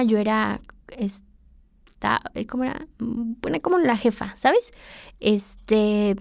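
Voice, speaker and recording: A woman's voice: a little high, darkish tone, no room sound, studio quality. A woman with a Mexican accent hosting a podcast, talking candidly and confessionally straight to the listener in a reflective monologue. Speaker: podcast host.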